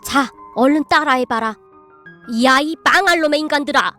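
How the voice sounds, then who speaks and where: A woman voicing a stern old grandmother-in-law who drills her family in scolding, with slow, drawn-out commands. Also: high voice, a bit bright, faint music behind. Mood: commanding.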